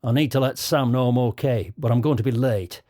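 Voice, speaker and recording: A man voicing a calm, practical young man who leads his friends, with a British accent. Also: mid-range voice, brisk, dry recording, clean studio sound, natural voice. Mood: concerned.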